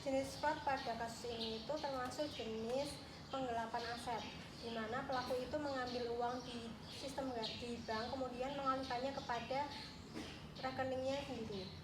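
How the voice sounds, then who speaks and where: A woman playing a legal expert in a parody news interview, explaining in a halting manner. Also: sits high, steady tone, close to an everyday voice. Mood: explanatory. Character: female legal expert explaining a fraud case. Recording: echoey with loud background noise.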